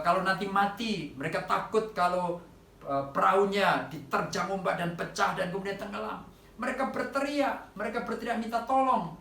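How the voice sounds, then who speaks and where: A man preaching a sermon to a congregation at an online church service, often calling out to them and rising loud on quoted cries for help. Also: sits high, creaky, echoey room, far from the mic.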